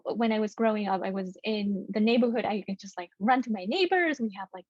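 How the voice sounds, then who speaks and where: A woman's voice: medium pitch, a little mellow, no room sound, highs cut off. A young woman from Vietnam, a native Vietnamese speaker, speaking earnestly as a children's book author on a panel, with many fillers and restarts. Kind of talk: panel discussion.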